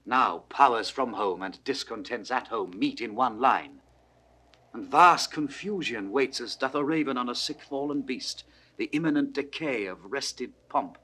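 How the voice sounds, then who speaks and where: A man with a medium-pitched, husky voice performs 1960s classical Shakespeare, playing a stern, suspicious nobleman struck by grief. Animated and a bit slow, his exaggerated voice is pushed and bright, declaiming weighty verse in a troubled mood.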